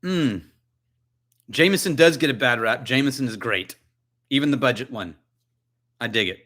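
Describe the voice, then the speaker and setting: A man's voice: medium pitch, lively intonation, moderate pace, fairly bright tone. A man hosting a casual whisky tasting livestream at home, chatting, joking and thinking aloud as he answers viewer comments. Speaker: whisky channel host. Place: his own chilly house.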